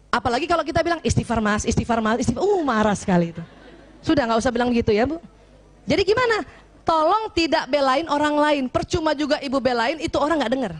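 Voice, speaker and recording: Woman, from Indonesia, religious lecturer, high bright voice, playful and lively, acts out scenes. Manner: lively, playful, often acts out husband and wife.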